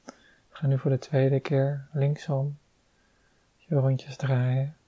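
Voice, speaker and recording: A meditation guide talks very slowly and calmly, leaving long pauses between soft instructions. The voice is warm and mellow. The sound is dry and close, with no room echo. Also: mid-range voice.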